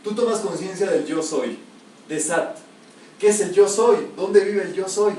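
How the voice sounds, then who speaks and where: A man whose voice sits high with a dark tone speaks at a measured pace, teaching metaphysics to a live group and emphatically throwing rhetorical questions at them. The echoey room is captured from a distance, with a faint hiss.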